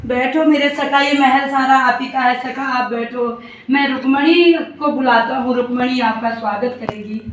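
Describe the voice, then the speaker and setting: A woman's voice: high-pitched, far from the mic, a little hiss or hum. A woman playing the god Krishna, an emotional, coaxing young man who keeps calling out to his old friend. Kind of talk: devotional story enactment. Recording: roomy, voice from afar.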